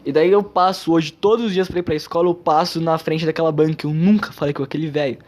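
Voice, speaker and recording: Teen boy, Brazilian Portuguese accent, solo podcast, rambling and self-mocking, slightly high voice. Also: fairly even intonation, quick pace, a little mellow. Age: teens. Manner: rambling, loses his train of thought, self-mocking. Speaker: podcast host. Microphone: recording app on a microphone.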